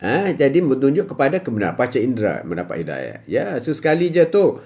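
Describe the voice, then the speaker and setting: A man's voice: medium pitch, sing-song, fast talker, warm tone. An older man with a Malaysian Malay accent, hosting a live-streamed religious talk and answering viewer comments, repetitive and emphatic with frequent "ha" interjections. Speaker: host.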